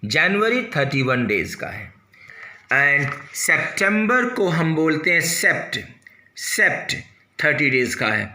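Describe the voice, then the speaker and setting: A man's voice: a little high, very animated, slow pace, pushed and bright, reverberant, a little hiss or hum. A man teaching pronunciation in a lesson, spelling each word letter by letter and repeating it. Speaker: English teacher.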